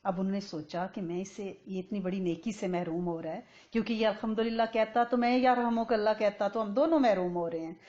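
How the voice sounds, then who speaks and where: A woman teaches a religious lesson in a conversational way, often pausing to ask "right?" and chanting Arabic phrases slowly and clearly. Her voice sits at a middle pitch for a woman. The recording sounds dull and lo-fi. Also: mellow. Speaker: Islamic teacher.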